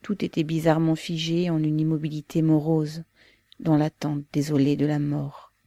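A woman narrating a novel as an audiobook in a slow, measured, grave manner. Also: sits low, completely flat delivery, dark tone, no echo.

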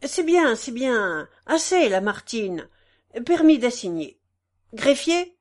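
Brief: woman reading as a bossy, impatient little judge, loud and curt, slow and deliberate. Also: fairly low pitch, big pitch swings, voice pushed down. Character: gruff impatient old male village judge.

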